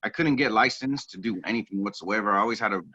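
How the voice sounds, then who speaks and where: A man's voice: fairly low pitch, quick pace, slightly rough, no room sound. Man over a dull, dry phone speaker. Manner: relaxed, rambling, many ums and restarts. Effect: heard over a phone speaker. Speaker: real estate agent guest. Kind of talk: casual interview storytelling. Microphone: phone on a group call.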